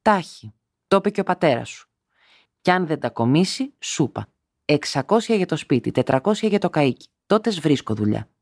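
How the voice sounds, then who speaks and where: A man's voice: on the high side, big pitch swings, dry recording, studio quality, voice pushed up. A man reading a story aloud and voicing a proud young man who speaks curtly and harshly. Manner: curt and harsh. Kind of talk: audiobook character reading.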